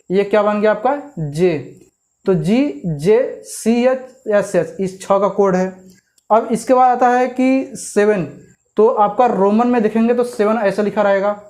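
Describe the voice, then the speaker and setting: A man's voice: high-pitched, darkish tone. Hindi teacher man asking rhetorical questions. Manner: repeats "clear?" and asks rhetorical questions. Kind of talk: explaining a memory trick lesson.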